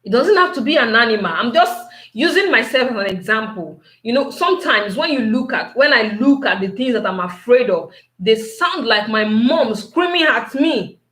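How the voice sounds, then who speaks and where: A woman giving a motivational talk, slow and repetitive, asking her listeners many questions. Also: a little high, animated, fairly bright tone, reverberant.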